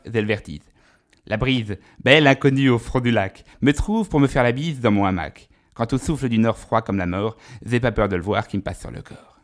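Brief: male comic, grandiloquent mock-solemn delivery, mid-pitched voice. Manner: pompous, grandiloquent. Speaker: comic performer. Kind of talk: mock-solemn poetic recitation.

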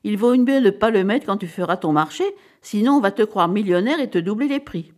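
A woman reading the part of a cheerful, self-satisfied middle-aged dentist who teases his wife, with a lively voice. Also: medium pitch, a little fast, lightly acted. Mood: smug.

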